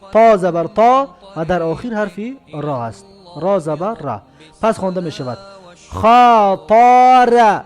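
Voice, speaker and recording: A man with a Tajik accent teaching an alphabet lesson, spelling out each letter and then saying each word twice, drawn out. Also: high-pitched.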